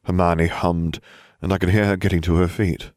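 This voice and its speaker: A man reading a story aloud as narrator, with a wry, expressive delivery. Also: low voice, normal speed, dry recording, studio quality. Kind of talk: audiobook reading of fan fiction.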